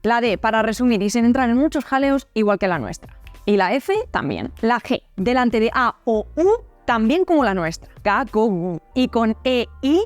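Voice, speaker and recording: A woman with a Spain Spanish accent giving a scripted lesson. She explains clearly and spells out sounds and example words. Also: fairly high pitch, darkish tone, dry recording. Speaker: language teacher in a video. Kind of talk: scripted educational narration.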